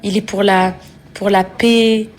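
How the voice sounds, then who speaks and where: A woman's voice: medium pitch, level tone, slow, a little hiss or hum. Tired, chatty mother vlogging from home. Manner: chatty, affectionate, addresses viewers as "les filles". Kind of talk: casual vlog chat to viewers.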